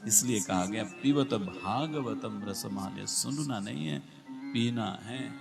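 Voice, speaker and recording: A man's voice: on the low side, vocal fry. A man preaching a devotional sermon over a microphone with a heavy echo effect, quoting scripture and asking the audience questions. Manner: rhetorical, asks the audience questions, slow and emphatic. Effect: heavy echo on the sound system. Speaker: Bhagavat katha preacher. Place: large devotional gathering with an audience. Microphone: microphone through a loudspeaker system. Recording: long echoing reverb with music playing.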